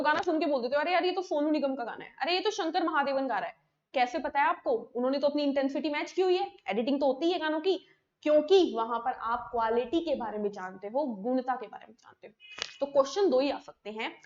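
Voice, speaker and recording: A high-voiced woman teaching an exam-prep science lesson. She asks questions and answers them herself, checking often that her listeners are following. The recording sounds dull and lo-fi. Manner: explains by asking and answering her own questions, with frequent tag checks.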